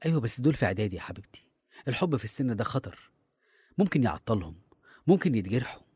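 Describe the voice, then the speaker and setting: A man's voice: medium pitch, sing-song, rapid-fire, warm tone, slightly rough, dry recording, clean studio sound. An actor with an Egyptian accent playing a harried, well-meaning middle-aged father in a radio serial, conversational and often hesitant. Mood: worried. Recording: music behind the voice.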